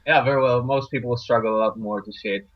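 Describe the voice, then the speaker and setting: A young man from Greece, a guest in an interview, talking in a relaxed, reflective way with many fillers. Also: mid-range voice, fast talker, dry recording. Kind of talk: casual interview talk. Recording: dry, dull lo-fi line.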